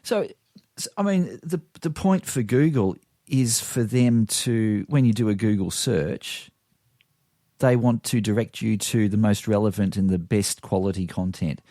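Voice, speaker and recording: A man's voice: fairly low pitch, unhurried, warm tone, no room sound, studio quality. A man hosting a podcast, asking his guest questions in a casual, self-deprecating way. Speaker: podcast host. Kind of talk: conversational podcast interview.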